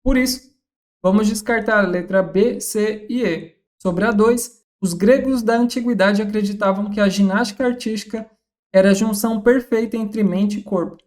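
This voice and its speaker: A woman's voice: medium pitch, normal speed, darkish tone. A woman with a Brazilian accent walking through exam questions as a Portuguese tutor, reading each question and methodically ruling out the answers. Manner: methodical, reads questions then rules out options. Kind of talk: scripted exam-question walkthrough.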